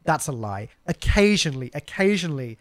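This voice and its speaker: A man's voice: on the high side, very animated, a little fast, no room sound. A man hosting a live podcast, chatting casually, laughing often and talking with lots of fillers and restarts. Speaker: podcast host.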